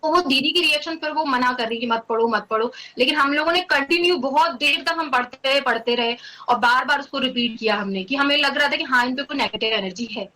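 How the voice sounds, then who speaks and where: A young woman with a high, bright voice recounts a personal story in a casual, earnest way. She talks animatedly and leans on fillers as she goes. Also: brisk, poor audio. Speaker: guest sharing a devotional experience.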